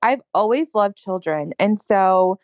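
A woman's voice: mid-range voice, lively intonation, takes it slowly, a little mellow, no room sound. A woman interview guest telling her personal story openly, with lots of "like" and "you know". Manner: open, conversational, many "like"s and "you know"s.

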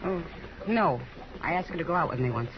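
A woman's voice: low-pitched, lively intonation, a little fast. Kitty, frank frontier woman, muffled sound. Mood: resigned. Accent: American. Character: worldly, worried, frank frontier saloon woman. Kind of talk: 1950s radio drama acting. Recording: muffled, hissy 1950s radio recording.

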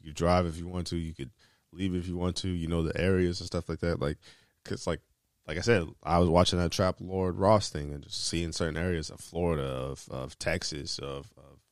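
A deep-voiced man hosts a casual conversation in a very dry recording. He rambles in loose slang and swears freely. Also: fairly even intonation, a little fast, dry recording. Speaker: podcast host. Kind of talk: casual chat.

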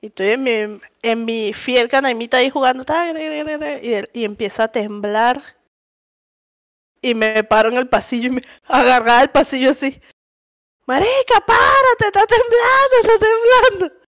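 High-voiced Venezuelan woman telling stories. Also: moderate pace. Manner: animated, laughs often, acts out quotes in raised voice. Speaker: podcast co-host. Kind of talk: casual storytelling chat.

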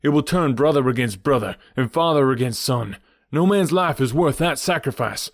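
A man reading the part of a noble hero who loudly commands a crowd to hold. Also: mid-range voice, animated, normal speed, no echo, clean studio sound, voice pushed up. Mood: commanding. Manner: loud, commanding oration. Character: noble adult male hero making a stern plea to a crowd.

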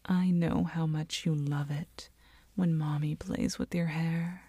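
A woman playing a doting, teasing girlfriend in an ASMR role-play, speaking slowly and tenderly, right in the listener's ear. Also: sits low, steady tone, slightly rough, no echo, heavily acted. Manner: close-up soft-spoken right in the listener's ear; slow, tender, coaxing. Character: doting, teasing, nurturing girlfriend soothing her partner. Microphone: very close binaural microphone.

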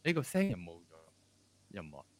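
A man co-hosts a live radio show in casual chat. His voice is on the low side, with very lively intonation. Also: fairly quick. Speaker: radio co-host.

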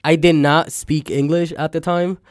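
A young man with a Venezuelan accent, Spanish being his first language, rambles through a relaxed story as a podcast guest, dropping "like" often. His voice is clear, smooth and on the high side, at a normal speed, recorded in a dead-dry booth with no room sound.

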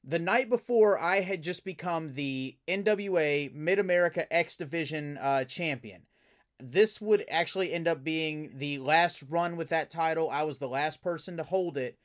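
A man, a professional wrestler, telling stories as a guest in a casual interview, animated and full of fillers and restarts. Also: a little high, normal speed.

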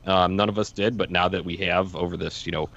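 A man co-hosting a podcast, chatting casually in a halting, rambling way. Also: low voice, steady tone, creaky, a bit bright. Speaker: podcast co-host. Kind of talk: casual chat. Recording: slightly dull lo-fi audio.

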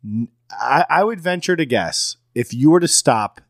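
A man's voice: medium pitch, expressive, normal speed, creaky, no echo, studio quality. A man co-hosting a podcast, chatting casually, telling stories and teasing his partner. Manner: joking, storytelling, teasing. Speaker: podcast co-host. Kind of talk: casual chat.

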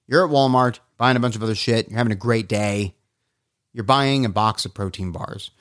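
A man's voice: mid-range voice, no room sound, clean studio sound. A man hosting his own podcast in casual solo chat, loose and profane, rambling with restarts and asides. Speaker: podcast host.

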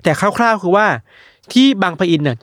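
Man, quick talker, slightly high voice, dry close sound, chatty storyteller. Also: no echo. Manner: animated retelling with quoted voices. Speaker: storyteller of odd news. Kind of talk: casual chat.

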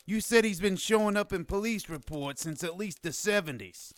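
A man's voice: high voice, moderate pace, dry recording, lightly acted. An actor playing a cocky, mocking wise guy in an audio drama, sardonic and taunting in the way he talks.

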